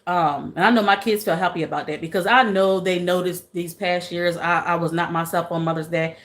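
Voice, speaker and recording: A woman's voice: lowish voice, fairly even intonation, fairly quick. A middle-aged woman hosting a casual live stream. She greets viewers by name, repeats her phrases and talks earnestly and emotionally about grief. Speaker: livestream host.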